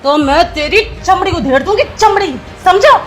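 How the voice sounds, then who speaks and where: A woman's voice: extremely high pitch, lively intonation, moderate pace. A woman playing a cruel, scornful wife who taunts her husband, in melodramatic short-video acting. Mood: taunting. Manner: taunting, mocking.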